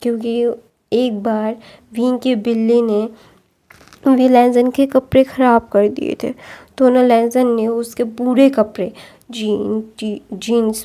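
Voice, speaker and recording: A woman tells a long story in a loose, chatty way, rambling with lots of fillers and restarted sentences. Her voice is fairly high yet nearly flat in pitch, with a dark, mellow tone.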